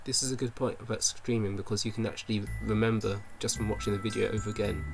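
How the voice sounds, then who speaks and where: Over music, a man with a lowish, gravelly voice talks quickly in a level tone. He's developing a game on stream and thinking aloud as he works, muttering to himself and constantly correcting and second-guessing what he just said.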